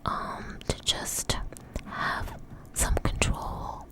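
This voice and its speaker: Very close to the microphone, a woman hosting an ASMR video speaks in a breathy whisper with faint mouth sounds. Her slow, loosely wandering talk is soft and meant to reassure.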